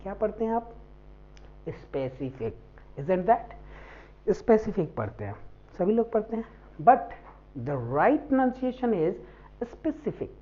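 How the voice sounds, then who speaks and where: A woman's voice: mid-range voice, big pitch swings, slow pace. A woman teaching a spoken English lesson, spelling words out letter by letter and mixing in Hindi. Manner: switches between English and Hindi. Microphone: faulty mic. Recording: dull lo-fi mic.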